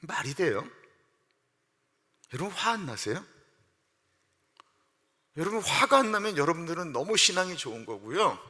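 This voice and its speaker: A male pastor preaching an earnest, emotional sermon that swells into loud, passionate outbursts. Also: a little high, big pitch swings, moderate pace, pauses often. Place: church sanctuary. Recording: long hall reverb.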